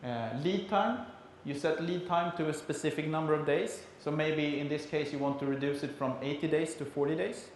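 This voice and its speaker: Swedish guy doing a conference talk, swedish accent, slightly high voice, really echoey room, explains stuff kinda haltingly. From Sweden. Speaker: conference speaker. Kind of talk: conference presentation. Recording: very echoey room, faint background noise.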